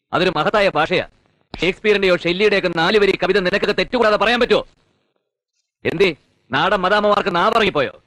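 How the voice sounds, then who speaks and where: A man's voice: sits high, sharp tone, dry recording, poor audio. An indignant scolding young man. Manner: scolding, lecturing. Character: indignant young man defending shy girls. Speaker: film character. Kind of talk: 1990s film dialogue.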